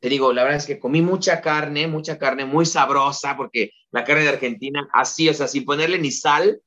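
Mexican man, podcast guest, animated storyteller, slightly dull lo-fi sound. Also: a little high, normal speed. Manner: lively storyteller, many fillers like "este". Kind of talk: casual interview chat.

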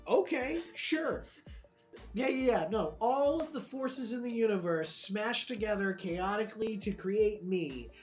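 A woman's voice: medium pitch, unhurried, darkish tone, soft background music. Ranting, profane comedy podcast woman. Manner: profane, ranting, breaks into laughter. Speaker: podcast co-host. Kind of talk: improvised comedy rant.

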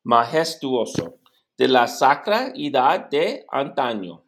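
A man whose first language is English, practicing a poem recitation as a Spanish learner, halting and repeating words syllable by syllable. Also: mid-range voice, big pitch swings, a bit bright. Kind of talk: practicing poetry recitation in a lesson.

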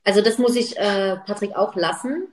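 A woman's voice: mid-range voice, normal speed. Candid woman guest in an echoey room. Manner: open, candid, many fillers. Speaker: podcast guest. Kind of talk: casual chat. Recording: roomy echo.

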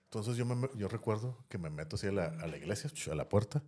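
In this casual podcast chat, the host spins a rambling story, peppering it with "¿no?" and "así." He's a man with a Mexican accent whose fairly low, mellow voice comes out fast and animated.

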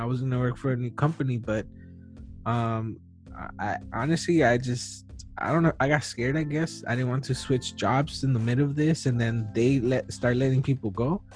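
This is a man in his early thirties hosting a podcast, his mid-range voice carrying a darkish tone. He chats casually and rambles, leaning on fillers and frequently restarting his sentences.

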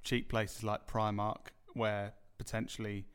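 A man co-hosting a podcast, telling stories with animated, laughing delivery. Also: on the low side, measured pace, clean tone. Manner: animated storyteller, laughs through anecdotes. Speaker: podcast co-host. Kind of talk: casual chat.

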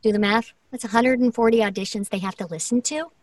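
A woman voice actor talks shop in an interview, her voice a little high and recorded dry. She sits a bit back from the microphone, and now and then she jumps into quick acted examples. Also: dry recording, distant mic. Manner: demonstrates voices by acting out casting notes. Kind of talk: interview conversation.

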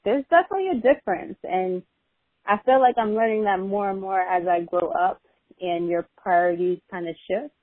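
On a casual podcast chat, a woman guest raised in America with a Nigerian family background speaks at normal speed with a medium-pitched voice. She's thoughtful and restarts hesitantly, and the recording is dry and thin, like a phone, without echo.

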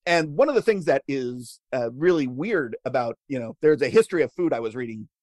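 A man co-hosting a casual chat, telling food history with wry, deadpan jokes. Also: medium pitch, brisk, dry recording, clean studio sound. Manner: wry, deadpan jokes, laughs at own lines. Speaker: podcast co-host telling history.

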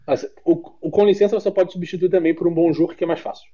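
A man's voice: sits high, fast talker, highs cut off. A Brazilian man with a Brazilian Portuguese accent, a podcast guest chatting bluntly and swearing freely. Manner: blunt, swearing, animated storyteller. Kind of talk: casual chat.

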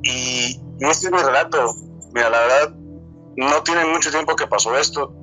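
A man in his twenties with a Mexican accent, telling a true encounter in a halting, repetitive way, often restarting his words. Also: medium pitch, bright, forceful tone, soft background music, low-quality recording. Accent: Mexican Spanish. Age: 20s. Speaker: storyteller sharing a true encounter. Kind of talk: casual spoken testimony.

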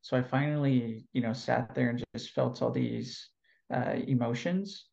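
A man from California speaks in a medium pitch with vocal fry, the sound lo-fi, as he's interviewed about his NLP training. His replies come relaxed and reflective, peppered with fillers and pauses.

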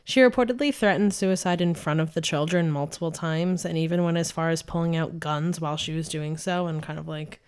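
A young woman from New York state hosting a casual true-crime podcast, chatty and quick to laugh as she tells the story. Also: sits low, smooth. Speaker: podcast host narrating the case.

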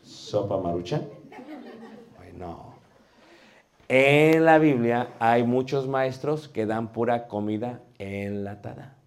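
A man with a Mexican accent teaching a class on preaching, animated and full of rhetorical questions. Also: medium pitch, slow. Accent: Mexican Spanish. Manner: animated, asks rhetorical questions, homely cooking comparisons. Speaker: preaching instructor. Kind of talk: lively class lecture.

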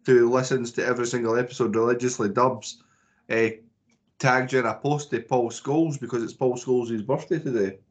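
A man's voice: mid-range voice, steady tone, brisk, husky. A young man hosting a casual movie podcast, teasing his co-hosts. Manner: jokey, teasing banter. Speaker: podcast host.

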